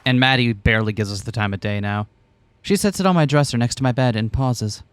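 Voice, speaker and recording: A man's voice: mid-range voice, a little fast, clear, resonant tone. A man co-hosting a let's play, switching between casual commentary and reading a visual novel aloud with playful, theatrical asides.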